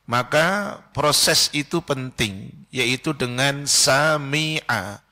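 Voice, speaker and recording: Slow, bright-voiced man preaching a sermon. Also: medium pitch, expressive. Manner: slow, measured delivery with rapid Arabic recitation. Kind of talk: Friday sermon. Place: mosque pulpit, indoors. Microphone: stand mic close to mouth.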